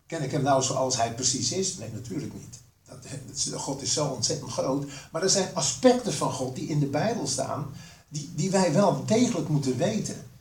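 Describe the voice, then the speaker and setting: Older male preacher, earnest and questioning, slightly raised pitch, recorded at a distance in a reverberant church hall. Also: a little mellow. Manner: earnest, asks the listeners questions, pauses with fillers. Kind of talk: sermon.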